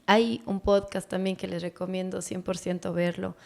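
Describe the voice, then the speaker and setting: A woman's voice: lowish voice, little pitch movement, moderate pace, creaky. A woman hosting a podcast interview, listening attentively and then sharing an anecdote. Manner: attentive, frequent affirmations. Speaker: podcast host, psychologist. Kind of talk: interview conversation.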